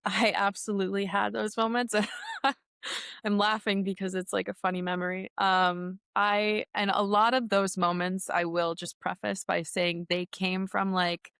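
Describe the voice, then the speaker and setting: A young woman from Minnesota, a hockey player answering interview questions in a chatty, relaxed way with frequent laughs and restarts. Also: mid-range voice, vocal fry, clean tone, no room sound, studio quality. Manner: chatty, laughs often, many ums and restarts. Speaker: guest, pro hockey player. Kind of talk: casual interview talk.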